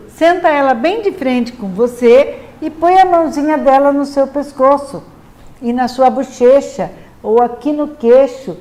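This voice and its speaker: High-voiced Brazilian woman teaching parents. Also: warm tone. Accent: Brazilian Portuguese. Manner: patient, explanatory, models words slowly and clearly. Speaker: literacy teacher advising parents. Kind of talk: instructional talk to parents.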